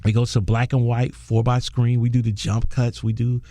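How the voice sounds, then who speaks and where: A man's voice: medium pitch, normal speed, no room sound, studio quality. A man, a film director guest in a casual interview, telling a story with animation and laughing often. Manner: animated storyteller, acts out quoted voices.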